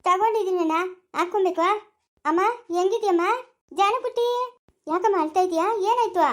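A woman's voice: very high voice, normal speed. A woman with a rural Chikkaballapur Kannada accent acting in a family skit, speaking in a pleading, reassuring way.

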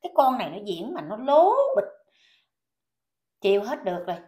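A woman's voice: medium pitch, very animated, normal speed, dark tone. A woman with a Southern Vietnamese accent, ranting in an indignant, scolding commentary vlog full of repeated questions.

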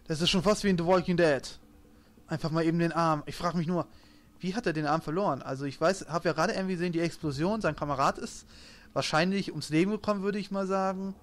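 A man's voice: fairly high pitch, fast. A man giving casual, joking and sarcastic let's play commentary on a video game. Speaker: let's player. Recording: game gunfire and noise behind. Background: video game gunfire.

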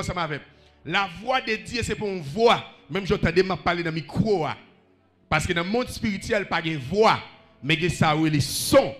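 A man's voice: sits high, a bit bright. A man with a Haitian accent preaching a sermon, rhythmically calling out questions to the congregation.

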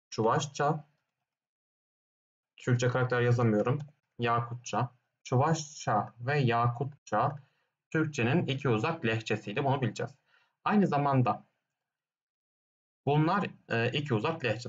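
Guy teaching, walks through exam questions step by step, medium voice, kinda dull lo-fi sound. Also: mid-range voice. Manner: explains step by step, asks himself questions and answers them; hums "dın dın dın" between points. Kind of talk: exam question walkthrough lesson.

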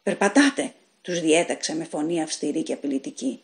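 Woman with a low voice reading a story aloud. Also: expressive. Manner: measured, dramatic storytelling that voices characters' shouts. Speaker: audiobook narrator. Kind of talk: scripted audiobook narration.

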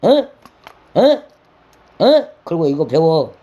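Older man, high and very animated voice, rambling lecture full of nagging questions. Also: slow pace, muffled recording. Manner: lecturing, nagging tag questions, coarse words; slips into sung lines and acted quotes. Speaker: elder lecturing a listener. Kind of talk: rambling scolding monologue.

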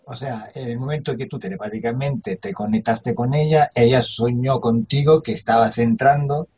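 A man's voice: medium pitch, steady tone, moderate pace, darkish tone, breathy edge. A man with a Spain Spanish accent, a hypnotist asking his clients short, friendly questions over a call. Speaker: regression hypnotist interviewing clients. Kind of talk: casual video call chat.

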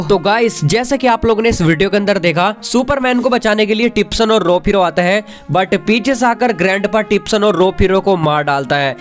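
A young man giving excitable, chatty game commentary voice-over, talking straight to his viewers. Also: sits high. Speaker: gaming video creator. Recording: faint background music.

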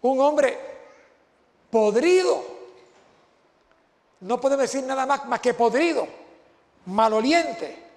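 A man's voice: very high-pitched, animated, slow, long pauses. A man preaching an impassioned sermon to graduates, repeating phrases for emphasis. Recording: long hall reverb.

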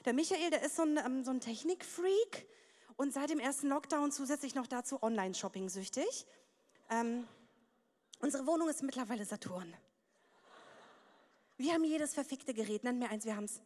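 Young woman comic, high-pitched and brash, crude stand-up in a reverberant hall. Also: a little mellow. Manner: brash, crude punchlines, acts out voices. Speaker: stand-up comedian. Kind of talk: stand-up comedy set. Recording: long reverb of a studio hall.

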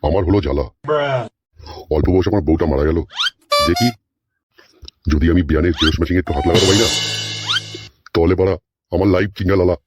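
Male VO for a sly middle-aged cartoon lech, deep voice, rapid crude patter, background music. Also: fairly even intonation, close to an everyday voice. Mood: scheming. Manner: crude, rapid, muttering scheming asides. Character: lecherous widowed middle-aged man, sly. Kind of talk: Bengali cartoon voice acting.

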